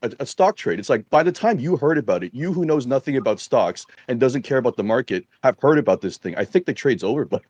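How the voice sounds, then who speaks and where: Man, podcast co-host, quick blunt talk, lively pitch, casual swearing, dry recording. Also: slightly rough, no echo. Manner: blunt, animated, swears casually, laughs while talking. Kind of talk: casual trading podcast chat.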